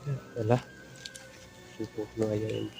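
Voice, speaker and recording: A man's voice: on the low side, flat delivery, unhurried, gravelly, dark tone. A man with a Sundanese accent, chatting casually in short exclamations while out on a night vlog. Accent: Sundanese-influenced Indonesian. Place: outdoors at night. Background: faint music.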